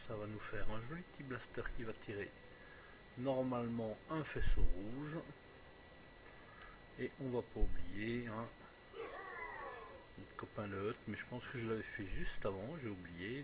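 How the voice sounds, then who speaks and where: Male gamer, lowish voice, casual musing commentary, noticeable background noise. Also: a little slow, long pauses. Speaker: let's play gamer. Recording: clearly noisy home recording.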